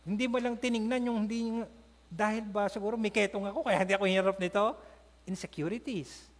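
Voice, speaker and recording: A man with a Filipino accent teaching a Bible class, telling the story with lively acted-out lines. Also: high-pitched, fairly quick. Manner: storytelling, acting out characters' lines. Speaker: pastor. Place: church hall. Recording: long hall reverb.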